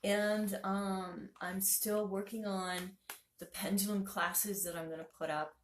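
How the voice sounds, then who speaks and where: A woman's voice: mid-range voice, little pitch movement, measured pace, echoey room, a little hiss or hum. A woman talking casually to camera as a spiritual vlogger, rambling and correcting herself, with many fillers.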